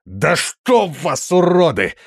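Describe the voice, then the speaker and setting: A man doing a shrill, squealing panicky prince. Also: sing-song, normal speed. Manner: squealing, whiny, bossy outbursts. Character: panicky, shrill, petulant male prince, middle-aged.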